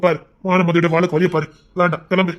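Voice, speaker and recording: A man's voice: high voice, flat delivery, highs cut off, close to an everyday voice. A man playing a young rowdy who broods over a past heartbreak and scolds a woman for coming back. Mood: dismissive. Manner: scolding, rapid, exasperated. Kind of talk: amateur romance drama acting.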